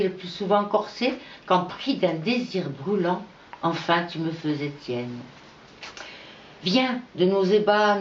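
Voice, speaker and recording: A woman reading her own poetry aloud in an unhurried, measured recitation with pauses between verses. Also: medium pitch, slight background noise. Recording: echoey, dull lo-fi room recording.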